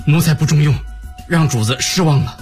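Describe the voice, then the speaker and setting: An actor playing a servile but vengeful court official in a radio drama, fawning and plotting. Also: male voice, on the high side, fairly quick, darkish tone, soft background music, natural voice. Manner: fawning to superiors, bitter and plotting.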